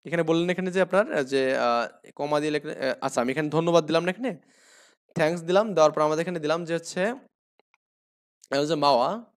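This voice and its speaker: A man's voice: fairly high pitch, fairly quick, pauses often. A young man from Bangladesh, teaching an online English class and explaining word meanings step by step, with frequent "okay?" checks.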